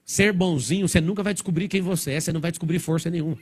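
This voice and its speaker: A male motivational speaker talking fast to a live crowd, his words coming in quick bursts. His voice sits a little on the high side. His delivery is blunt and provocative. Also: slight background noise. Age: adult, father of four. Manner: blunt, provocative, rapid-fire. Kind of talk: motivational stage talk to a live audience.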